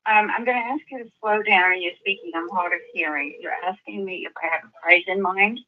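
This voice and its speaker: Older female homeowner, slightly low voice, terse deliberate answers, dull phone line. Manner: slow, plain answers, often asks to repeat. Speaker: homeowner selling a house. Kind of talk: phone conversation. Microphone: phone call.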